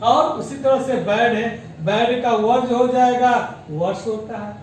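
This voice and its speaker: A high-voiced male teacher gives a grammar lesson and breaks words slowly into syllables. He is recorded from a distance in a very echoey classroom, with faint room noise underneath. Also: steady tone, darkish tone. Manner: mixes English terms into Hindi. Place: school classroom.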